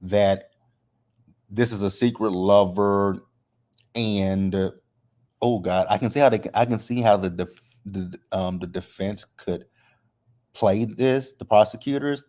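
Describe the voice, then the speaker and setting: A man's voice: on the low side, slow pace, long pauses, a little mellow. A man giving a casual, conversational recap with a slight lisp from wearing braces, often tagging his points with a questioning "right?". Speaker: host of a TV episode recap.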